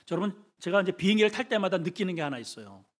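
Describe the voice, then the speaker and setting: A man's voice: high voice, big pitch swings, rapid-fire. A middle-aged man preaching a sermon as pastor, acting out voices and dialogue as he tells the story.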